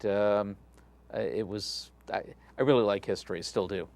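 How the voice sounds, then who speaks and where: Speaking at a moderate pace in a lowish, creaky, somewhat mellow voice, a middle-aged rabbi from Galveston, Texas, converses casually in an interview. He's friendly and relaxed, frequently using fillers and restarting his sentences.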